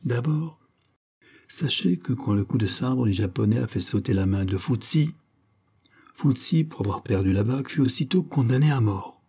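A man's voice: mid-range voice, expressive, moderate pace, mellow, breathy edge. A man voicing a grave, formal male secret-society master in an audiobook, speaking in a solemn, ceremonious way. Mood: fervent.

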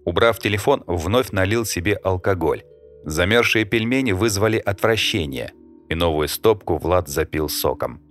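A man narrating an audiobook in an even storytelling manner. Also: low voice, moderate pace, soft background music. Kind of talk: scripted narration.

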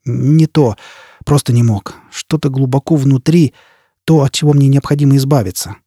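A man's voice: mid-range voice, normal speed, dark tone, breathy edge, no echo, clean studio sound. A man playing a curt, obsessed avenger. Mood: blunt. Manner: blunt, curt. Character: hard, obsessed young man driven by revenge. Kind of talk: audiobook character voice.

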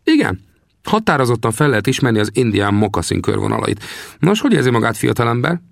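A cackling old trapper in an audiobook, his voice pushed far up into a high, gravelly register. He teases and scolds with wild swings of pitch, and the recording is close and dry. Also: sing-song, no room sound. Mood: teasing. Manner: mocking, cackling laughter. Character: teasing old male frontier trapper.

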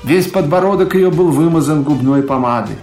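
A man narrating a literary radio play in a measured, expressive storytelling manner. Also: on the high side, reverberant, soft background music. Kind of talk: literary narration in an audio drama.

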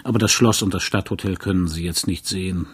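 A man reading the part of a lonely, bookish small-town lawyer who speaks in a dry, wry and courteous way, in a low, husky voice. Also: fairly even intonation, brisk.

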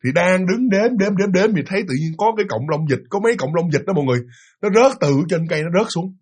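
Male storyteller, Southern Vietnamese accent, brisk and slightly breathy, lively and chatty. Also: high voice. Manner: lively, animated, addresses listeners directly. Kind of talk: casual ghost story telling.

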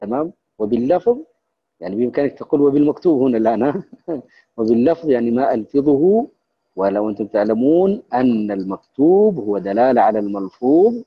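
A man's voice: medium pitch, very animated, quick pace, vocal fry, slightly rough. A man teaching Quran recitation to a class. He chants lines of a poem, explains each one plainly and keeps checking that his students follow. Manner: chants quoted verses, then explains them plainly. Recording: dull lo-fi recording.

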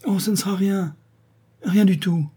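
Man reading a sly young maid, hushed and hurried, dark husky voice, audiobook. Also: lowish voice. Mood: nervous.

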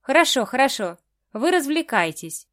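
A woman's voice: sits high, big pitch swings, moderate pace, no room sound, clean studio sound, pitched above the performer's own voice. A woman voicing a doting, gushing mother in her sixties in an audiobook. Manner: gushing, exclamatory.

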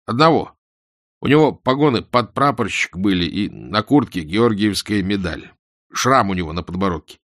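A man voicing a loud, eager, deferential former policeman who barks his words. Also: lowish voice, lively intonation, normal speed, dry recording, clean studio sound. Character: loud loyal older male ex-policeman.

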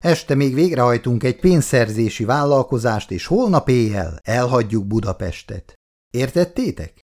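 A man's voice: medium pitch, very animated, darkish tone, lightly acted. A man voicing a domineering teenage boy who leads a runaway gang, giving commands. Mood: commanding.

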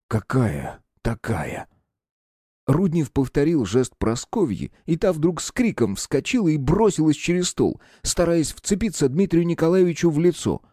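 A man narrating an audiobook in an expressive, varied reading style. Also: fairly high pitch, dry recording, clean studio sound. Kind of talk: scripted narration.

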